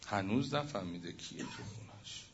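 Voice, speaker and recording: A man preaching a religious sermon, telling a story with passion, his voice swinging between loud and hushed. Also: fairly low pitch, lively intonation. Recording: muffled recording with faint noise.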